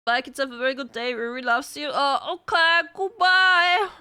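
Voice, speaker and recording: A woman streamer chats casually with her live viewers in a high, bright voice that stays clean and smooth. She takes her time and keeps the tone bubbly and talkative, breaking now and then into loud calls. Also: fairly quick. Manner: bubbly, chatty with viewers, bursts of shouting and laughing.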